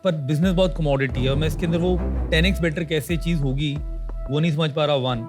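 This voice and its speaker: A man investor explaining why he is out in quick, point-by-point reasoning. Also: on the high side, over music. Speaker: investor judge on a business show. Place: TV studio set.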